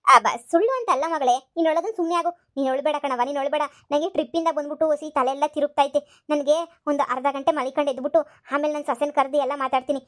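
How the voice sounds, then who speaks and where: A woman's voice: high-pitched, very fast, a bit bright. A woman voicing a stubborn older village mother-in-law who scolds and repeats herself. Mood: bossy. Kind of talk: cartoon voice acting.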